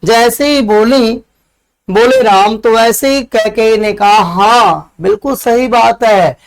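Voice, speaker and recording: A man's voice: high-pitched, takes it slowly, smooth. A male teacher giving a classroom lecture on a poem, repeating phrases and explaining each word with simple meanings.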